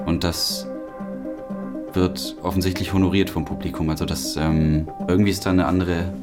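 Man, very low voice, measured narration, soft music behind. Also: flat delivery. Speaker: narrator and stage actor. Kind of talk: radio drama announcement and interview reflection.

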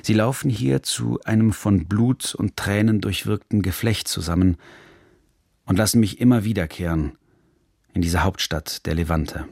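Man, documentary narrator, gravelly, dry studio sound, measured and serious. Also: lowish voice, a little mellow, no room sound. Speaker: narrator of a radio feature. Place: recording studio.

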